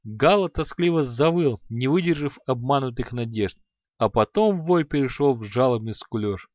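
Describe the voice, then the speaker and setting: A man reads a fantasy audiobook in a steady, measured way. His voice sits in a middle register, recorded dry and a little dull. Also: medium pitch, no room sound. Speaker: audiobook narrator.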